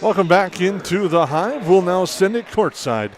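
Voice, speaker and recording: A man's voice: high voice, lively intonation, normal speed. A man working as a play-by-play broadcaster, giving live basketball commentary.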